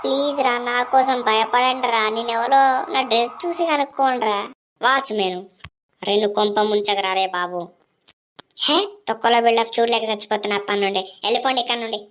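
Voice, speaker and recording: A woman's voice: on the high side, steady tone, fairly quick, a bit bright, slight background noise. A woman acting in a comedy sketch with a brash, scolding delivery.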